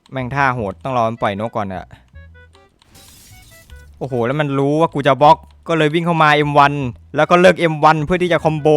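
A young man giving profane, excitable commentary over his own gameplay, swearing constantly and shouting at the game. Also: medium pitch, no echo. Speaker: gaming YouTuber.

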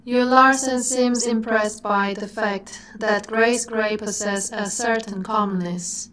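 A woman giving scripted narration in a slow, dreamy way that sometimes drops to a whisper. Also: medium pitch, steady tone, fairly bright tone, a little hiss or hum, rough recording.

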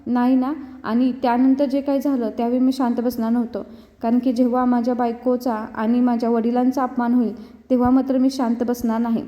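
A woman's voice: a little high, level tone, fairly quick, mellow. A woman retelling the story of a TV serial in a chatty, casual way, stringing scenes together with repeated linking phrases, in a dull, reverberant recording. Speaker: serial recap narrator.

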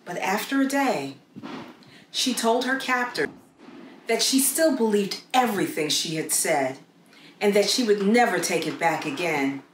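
A middle-aged woman with a mid-range voice reads a scripted children's story aloud, expressive and deliberate, with dramatic emphasis. She's indoors in a small plain room, and the audio has roomy echo and clear background noise.

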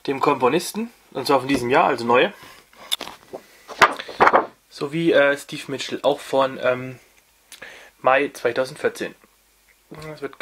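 A man's voice: mid-range voice, heavy background noise. A young man hosting a casual record review, talking off camera with many fillers and restarts. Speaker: vinyl review channel host.

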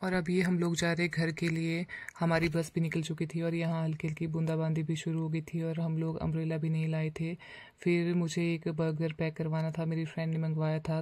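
A young woman narrates her daily vlog in a relaxed voice-over, pausing on "uh" fillers as she goes. Her voice is dark and mellow and barely rises or falls. The recording is dry and close. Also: deep voice, no echo. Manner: relaxed storytelling with frequent "uh" fillers. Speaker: vlogger.

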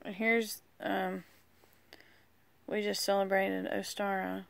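A woman casually walking through a deck of oracle cards, rambling and hesitant with lots of pauses. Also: mid-range voice, level tone, gravelly. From rural United States. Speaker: vlogger. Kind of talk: casual card walkthrough.

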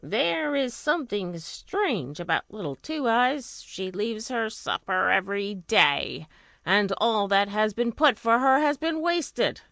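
A woman's voice: medium pitch, big pitch swings, slow pace, vocal fry, fairly bright tone, no echo, full character voice. A woman voicing spiteful, scornful sisters in a fairy tale reading. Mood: suspicious.

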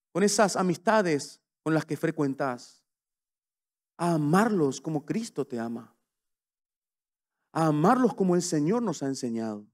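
Impassioned high-voiced pastor. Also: male voice. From Paraguay. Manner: impassioned, swings between soft and loud, acts out dialogue. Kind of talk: sermon.

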